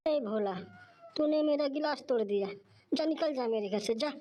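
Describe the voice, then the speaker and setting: A woman's voice: sits high, moderate pace, warm tone, pitched above the performer's own voice, lightly acted. A woman voicing an angry, harsh uncle in a cartoon, who scolds and orders. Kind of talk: cartoon voice acting.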